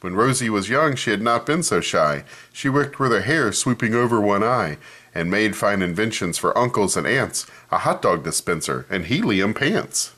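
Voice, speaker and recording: Reading aloud from a kids' picture book, this man tells the story expressively and remarks on each page. He speaks at a moderate pace in a lowish voice. A little hiss or hum can be heard.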